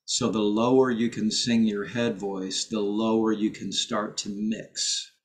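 A man's voice: on the low side, level tone, a little slow. A man leading a choir's voice lesson over a video call, explaining technique patiently and stopping to sing examples. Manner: patient, explanatory, with sung demonstrations. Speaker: choir director and voice teacher. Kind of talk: online rehearsal vocal instruction.

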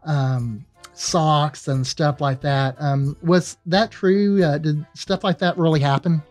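A man's voice: on the high side, steady tone, takes it slowly, a little mellow, faint music behind. A man in his thirties asking casual interview questions into a studio microphone. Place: indoor studio. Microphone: studio microphone on a stand.

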